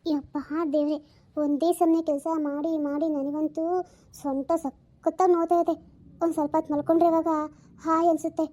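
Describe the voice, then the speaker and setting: A woman's voice: level tone, a little fast, warm tone, close to an everyday voice. A woman playing a worried young mother who pleads and frets in a homemade family drama. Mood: weary. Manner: tearful, pleading, high and thin. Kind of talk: amateur audio family drama.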